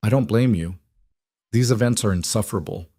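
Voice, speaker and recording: Man doing a cold suspicious rich girl, threatening, higher voice, dry. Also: a little fast, warm tone, no echo, lightly acted. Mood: scornful. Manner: probing, cold, menacing. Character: suspicious, threatening young society woman.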